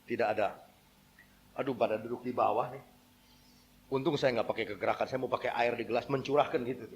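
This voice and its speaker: A man preaching a sermon, telling a humorous story with animated delivery and frequently addressing the congregation. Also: mid-range voice, brisk, slight background noise.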